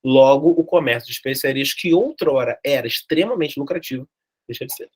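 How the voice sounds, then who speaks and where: A man's voice: mid-range voice, animated, a little fast, darkish tone, slightly rough. A man from Brazil, teaching history in a jokey, slangy, dramatic storytelling manner. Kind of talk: lively class storytelling.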